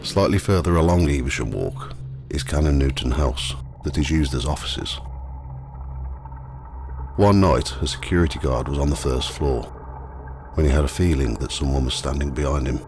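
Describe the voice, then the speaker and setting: A bass-voiced man serves as guide on a scripted ghost walk, narrating the stories in a measured, matter-of-fact way. The recording is clearly noisy, with ambient sound in the background.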